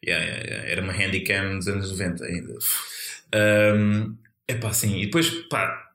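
A man's voice: sits low, fairly even intonation, normal speed, fairly bright tone. A man with a European Portuguese accent, a comedian rambling in casual podcast chat, full of slang fillers. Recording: roomy echo.

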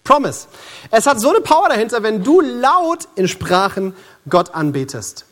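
Franconian pastor guy, pretty high voice, casual jokey sermon in a church. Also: moderate pace. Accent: Franconian German. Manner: lively, joking and conversational, addressing the congregation directly.

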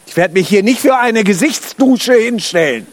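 A man's voice: high voice, expressive, normal speed, a little hiss or hum. An actor playing a touchy, bitter old comedian who bickers and stammers as he flares up. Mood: bickering. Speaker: comedian rehearsing a doctor sketch. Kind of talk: film dub.

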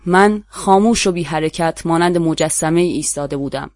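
Persian-accented story reader, mid-pitched voice, measured dramatic delivery, dead-dry booth sound. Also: no echo. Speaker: narrator. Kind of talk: literary story reading.

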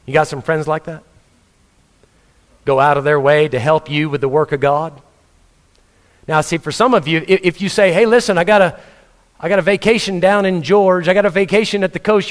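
Guy preaching in a church, kinda high voice, long hall echo, tells stories and asks the crowd stuff. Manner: storytelling preacher, asks the congregation questions. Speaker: pastor. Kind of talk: sermon.

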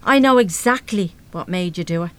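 In a live radio play, an Irish-accented woman plays a battered but defiant working-class mother, blunt, salty and plain-spoken. Her voice is on the low side and expressive, at a moderate pace and lightly acted, with a low-key, prying mood.

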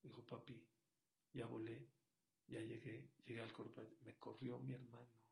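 A man giving a sermon, telling a story and swinging from hushed to loud as he makes his point. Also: medium pitch, level tone, moderate pace, vocal fry. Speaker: rabbi.

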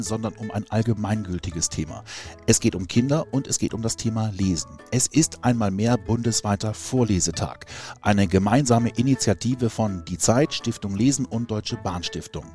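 A man's voice: lowish voice, moderate pace, warm tone. Man announcing over faint music. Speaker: club media host. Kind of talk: scripted announcement.

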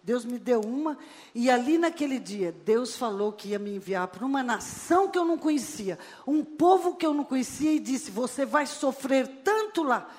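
A woman's voice: on the high side, normal speed. An older woman preaching a sermon as a missionary, telling stories and acting out quoted prayers and dialogue. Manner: lively storytelling that acts out quoted prayers and dialogue. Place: church sanctuary. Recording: long reverb of a church hall.

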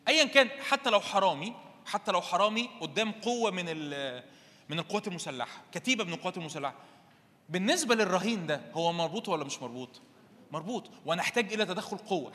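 A man with an Egyptian Arabic accent preaches emphatically and fires questions at his audience for them to answer. His voice is high and bright, with a sharp edge. It rings through a church hall with a long reverb. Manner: emphatic, quizzes the audience with call-and-response questions. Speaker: preacher and Bible teacher. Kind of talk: sermon.

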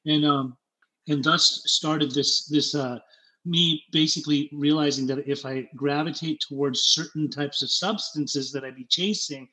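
Heard on a low-quality recording, a fairly high-pitched middle-aged man recounts his life as an interview guest; he was born in Germany and grew up in Utah. His telling is frank and halting, with repeated words and growing animation when he relives scenes.

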